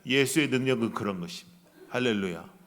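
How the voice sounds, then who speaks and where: A man preaching a revival sermon in a church, acting out voices in his story and shifting between loud outbursts and hushed lines. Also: medium pitch, a little fast. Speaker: guest preacher. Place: church sanctuary.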